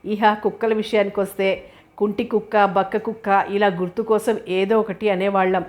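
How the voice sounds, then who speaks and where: A woman's voice: mid-range voice, little pitch movement, normal speed, darkish tone, natural voice. A woman voicing a fussy, doting old grandmother who coaxes and chides at length. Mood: chiding. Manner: coaxing, chiding, long-winded.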